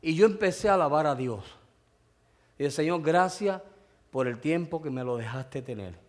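Male preacher, high-pitched voice, emotional storytelling sermon, calls out to the congregation. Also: expressive, normal speed.

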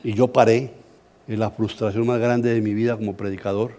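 A middle-aged Colombian man, a pastor, preaching a sermon as an animated, humorous story. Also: lowish voice, a little fast. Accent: Colombian Spanish.

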